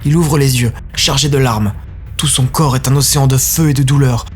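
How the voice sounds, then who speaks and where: A man narrating a dark science-fiction audio story in a grave, intense manner. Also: mid-range voice, moderate pace, slight background noise.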